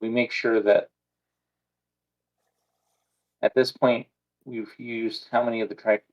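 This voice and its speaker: A man playing a tabletop role-playing game, measured, giving orders in character. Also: medium pitch, flat delivery. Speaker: player. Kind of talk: casual tabletop game play. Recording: dull lo-fi sound.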